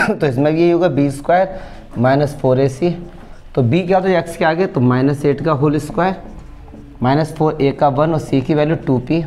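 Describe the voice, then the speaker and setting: A man with a fairly high voice teaching maths for an exam. He talks students through each step in a coaxing way and keeps checking that they have understood. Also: moderate pace, a little mellow. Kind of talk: explaining board exam maths.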